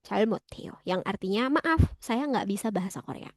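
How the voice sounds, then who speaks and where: A woman's voice: mid-range voice, animated, brisk, dry recording, clean studio sound. A young woman, teaching Korean in a casual online lesson, chatting and mixing in Korean example phrases.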